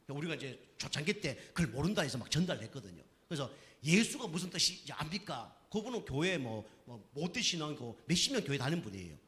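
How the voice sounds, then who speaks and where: A pastor preaches on evangelism in a church sanctuary, telling stories with acted quotes and emphatic repetition, and the hall adds long reverb. His medium-pitched voice is a bit bright and sing-song, and he talks fast with hardly any pauses.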